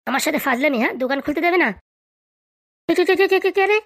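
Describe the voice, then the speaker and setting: Woman doing a shrill scheming villainess. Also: lively intonation, very fast, no room sound, clean studio sound. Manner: sneering, bossy, cursing. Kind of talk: cartoon voice acting.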